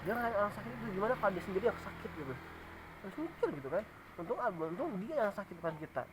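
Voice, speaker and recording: Guy streaming live, chatty and preachy, kinda high voice, lots of noise behind. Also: expressive, racing. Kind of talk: casual live-stream chat. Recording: noisy background.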